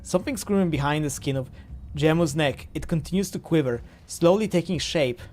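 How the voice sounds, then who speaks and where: A man with a slightly high voice streams a game. He reads story text aloud haltingly, tripping on words, and mixes in casual commentary. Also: darkish tone. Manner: halting read-aloud, stumbling over words.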